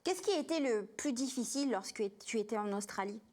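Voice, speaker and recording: Female talk-show host, higher voice, friendly questions to a guest. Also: animated, a little fast, a little mellow. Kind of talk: TV interview questions.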